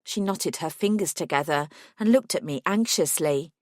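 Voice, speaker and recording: A woman narrating a first-person audiobook in a wry, measured way on a close studio mic. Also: deep voice, no echo.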